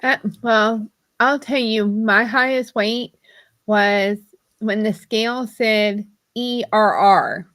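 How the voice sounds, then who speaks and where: A woman co-hosts an interview, speaking plainly and candidly at a slow, unhurried pace. Her voice sounds dry and close. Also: fairly high pitch, fairly even intonation, fairly bright tone, no echo. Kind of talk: casual interview chat.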